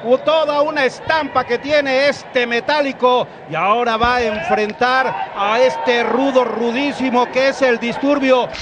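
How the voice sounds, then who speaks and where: Emphatic, very high-pitched Mexican male wrestling host. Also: steady tone, measured pace. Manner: emphatic, repeats himself. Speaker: lead wrestling commentator and host. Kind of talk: excited live lucha libre commentary. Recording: noisy arena with loud crowd.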